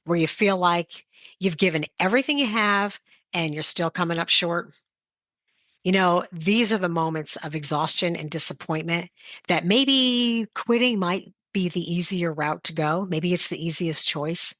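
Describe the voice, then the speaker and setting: A woman's voice: on the low side, a little slow, fairly bright tone, dry recording. A woman coach hosting a motivational talk, direct and plain-spoken, sharing personal stories in a conversational way. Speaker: sports coach, motivational podcast host.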